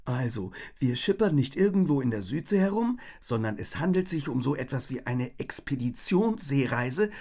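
A man voicing a cheerful, excitable boy in a storybook reading, bubbly and eager. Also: medium pitch, normal speed, few pauses.

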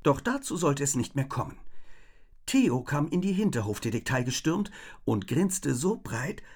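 A man narrating a children's storybook in the first person, with grumpy, expressive delivery. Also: on the high side, a little slow, slightly rough. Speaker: audiobook narrator. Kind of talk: storybook reading.

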